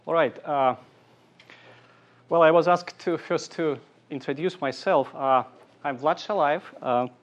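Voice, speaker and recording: A man from Siberia, giving an academic engineering lecture in thoughtful, halting phrases with dry humor. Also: fairly high pitch, dull audio. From Siberia, Russia.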